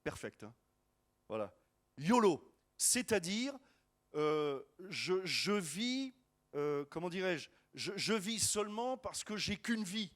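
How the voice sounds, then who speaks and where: A man preaching a sermon as a pastor, lively and joking, with many restarts and asides to the congregation. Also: high voice, slow.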